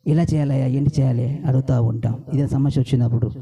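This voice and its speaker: A man's voice: mid-range voice, steady tone, fast, warm tone. A male pastor preaching a sermon to church workers, asking the congregation rhetorical questions. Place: church hall.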